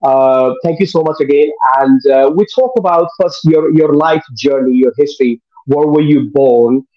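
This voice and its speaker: With a voice a little on the high side and a moderate pace, a middle-aged man hosts a talk show via video call in his living room. He's enthusiastic and loosely informal, and the webcam gives a lo-fi sound.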